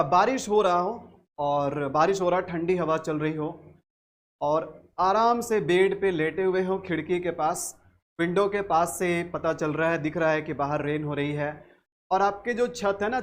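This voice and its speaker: A man with an Indian English accent teaching English vocabulary in Hindi, repeating each word slowly and answering his own questions. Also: high voice.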